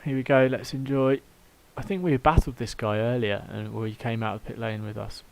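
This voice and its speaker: A man's voice: mid-range voice, fairly even intonation, brisk, gravelly, darkish tone. A man with a British accent in informal, matey livestream chat, giving race updates like a team engineer. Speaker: livestream host and sim racing team engineer.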